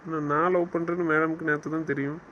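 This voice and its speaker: Male actor as a young husband, high-pitched and teasing, stern when he scolds, romantic audio drama, lo-fi sound. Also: level tone, quick pace, a little hiss or hum, natural voice. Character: young husband, teasing yet bossy with his new wife.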